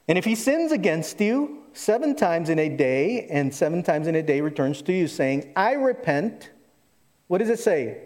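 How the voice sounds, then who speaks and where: Preaching expository Bible teaching from the pulpit, this man speaks in a fairly high, slightly mellow voice. He stays conversational but emphatic, with repeated phrases and rhetorical questions, and a long echo fills the hall.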